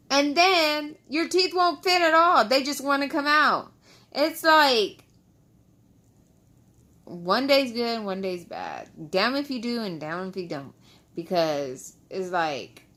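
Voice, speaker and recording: With a mid-range, fairly bright voice, this vlogger chats to her followers in a casual storytime, right up against the mic. Frustration shows as she keeps repeating things, her words shaped by loose dentures worn without adhesive.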